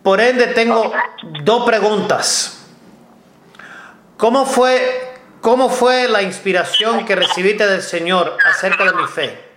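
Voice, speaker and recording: Man interviewer, high voice, halting and repetitive, echoey room. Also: a bit bright, slight background noise. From United States. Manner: halting, repeats words. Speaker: host.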